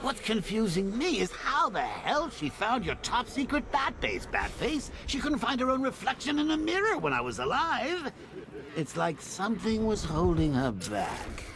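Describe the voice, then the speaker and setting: A sadistic phantom clown villain in a video game. His voice is high for a man, wildly animated and creaky. He taunts with gleeful, theatrical mockery. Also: moderate pace, background noise, exaggerated voice. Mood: mocking, gleeful. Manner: mocking, theatrical.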